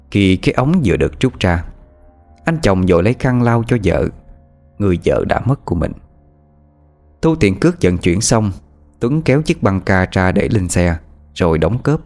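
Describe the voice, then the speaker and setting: Expressive male audiobook narrator. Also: fairly low pitch. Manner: expressive, rising and falling delivery. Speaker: storyteller.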